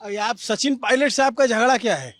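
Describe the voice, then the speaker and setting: A man's voice: very high voice, brisk, a bit bright, no echo. A man interviewing casually in a comic mock interview, probing with short follow-up questions.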